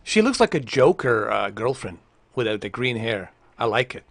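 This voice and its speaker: A man in his thirties streams a game from home, joking, swearing and teasing his chat as he plays. His mid-range voice is very animated and creaky, at a moderate pace, picked up by a headset with a large foam mic.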